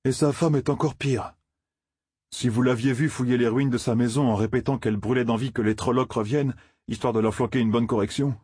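A man's voice: medium pitch, fairly even intonation, fairly quick, darkish tone, slightly rough, no room sound, clean studio sound, voice pushed up, close to an everyday voice. A man voicing a blunt, somewhat bitter young village man in a storybook reading.

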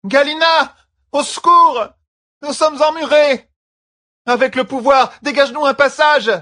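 A man voicing a desperate, trapped noblewoman who cries out in shrill, wailing tones. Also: fairly even intonation, measured pace, pushed and bright, full character voice. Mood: screaming.

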